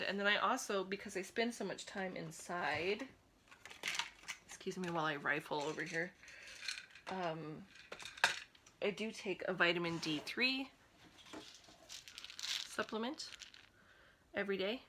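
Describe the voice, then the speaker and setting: Slightly winded, this American vlogger in her thirties talks from a home room with a low-ish voice that sounds pushed and bright. Her chatter is casual, full of ums and laughter, over a faint hiss or hum.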